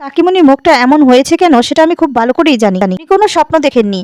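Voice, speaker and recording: A woman's voice: high-pitched, big pitch swings, racing, a little mellow, no echo, clean studio sound. A woman voicing earnest young bride. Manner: pleading, earnest. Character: earnest young daughter-in-law, pleading and sincere.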